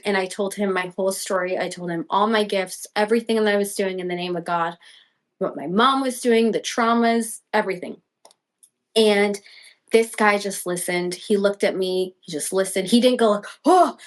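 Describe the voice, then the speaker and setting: A young woman guest telling a personal story, acting out her own quotes with big leaps in pitch. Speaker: podcast guest.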